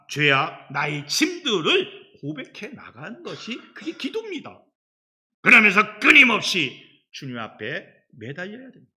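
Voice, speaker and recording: Pastor guy preaching, really sharp bright voice, pitch jumping all over, acts out little prayers. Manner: emphatic, rhetorical questions, acts out prayers. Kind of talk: sermon.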